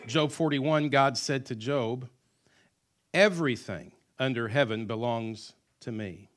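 A pastor preaching a sermon in a church, folksy and joking, with call-and-response to the congregation. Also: male voice, medium pitch, slow. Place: church sanctuary.

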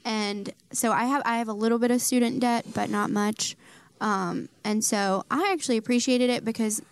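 A woman's voice: fairly high pitch, fairly even intonation, moderate pace, clear, resonant tone, no echo. A young woman chatting casually, with lots of fillers and easy laughter. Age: young adult. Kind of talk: casual chat.

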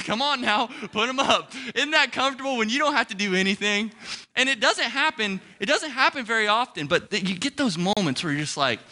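Young Midwestern male pastor, high bright voice, animated, jokes with the crowd. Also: fairly quick. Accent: Ohio, Midwestern US. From Ohio. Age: young adult. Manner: animated, joking, talks to the crowd. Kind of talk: energetic sermon.

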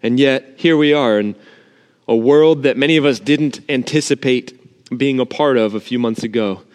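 A man's voice: mid-range voice, normal speed. A man preaching an informal, earnest sermon to an empty church sanctuary, his voice carrying the cathedral-like echo of the room. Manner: informal, earnest, talks directly to the congregation. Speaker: pastor. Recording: long reverb of an empty sanctuary.

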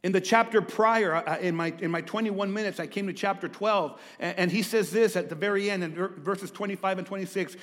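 A man delivers a sermon in a church, his voice pitched high for a man. He stammers over repeated words and keeps putting questions to the congregation. The sound rings with a long hall reverb. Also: a little fast, few pauses, a bit bright. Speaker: pastor.

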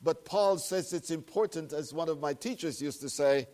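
In a church sanctuary, a pastor leads a prayer and preaches a sermon into the pulpit microphone. His voice is on the high side and warm, and he speaks in a measured, earnest way with solemn emphasis.

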